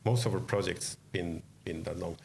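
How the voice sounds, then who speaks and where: Deep, creaky Colombian man at a seminar. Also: steady tone, normal speed, a little mellow. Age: middle-aged. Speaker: seminar speaker. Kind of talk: answering questions at a seminar. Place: indoor seminar room at a lectern. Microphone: lectern microphone. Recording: faint room noise.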